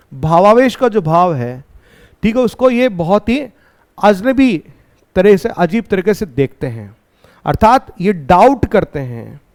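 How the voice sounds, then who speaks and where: Guy explaining a poem line by line, slow and deliberate, keeps asking questions. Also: high-pitched, a little mellow. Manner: reads English lines slowly, then explains with rhetorical questions. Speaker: teacher.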